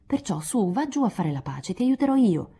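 A woman's voice: medium pitch, moderate pace, husky, voice pushed up, heavily acted. Woman playing a spirited coaxing young woman. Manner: coaxing, lively.

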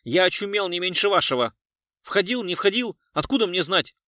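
A man voicing a touchy, pompous male cultural worker who complains loudly and haughtily. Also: fairly low pitch, unhurried, dry recording, clean studio sound, voice pushed down. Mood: haughty.

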